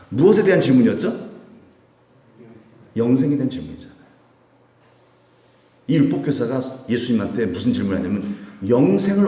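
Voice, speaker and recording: Animated preaching man in an echoey hall. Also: mid-range voice, far from the mic. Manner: animated preaching, asks the congregation questions and answers them. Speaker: pastor. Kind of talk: sermon. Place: church sanctuary.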